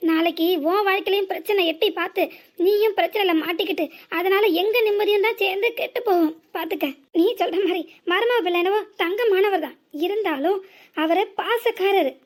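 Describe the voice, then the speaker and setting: A woman voicing a worried, scolding mother in a cartoon serial, who frets aloud and throws blunt insults at her daughters. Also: very high-pitched. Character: worried, scolding middle-aged Tamil mother.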